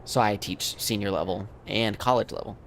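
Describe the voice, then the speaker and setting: A man's voice: on the low side, steady tone, normal speed, fairly bright tone, a little hiss or hum. A man from the United States chatting casually with viewers on a late-night game stream, tired and losing his voice. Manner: laid-back, rambling, chatting to viewers. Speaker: streamer and language teacher. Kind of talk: casual livestream chat while gaming.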